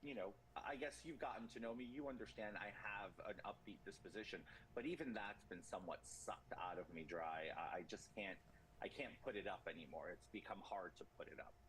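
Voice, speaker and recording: A man in his thirties answering interview questions earnestly, halting and repeating words. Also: on the low side, a bit bright, slight background noise, poor audio. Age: 30s. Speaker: interview guest.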